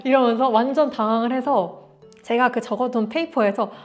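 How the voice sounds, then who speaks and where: A young woman from Korea tells a personal story straight to camera in a relaxed vlog. Her voice sits a little high, and she slips into quick acted-out dialogue. Faint background music plays beneath her. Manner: animated, acts out dialogue in quotes. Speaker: vlogger.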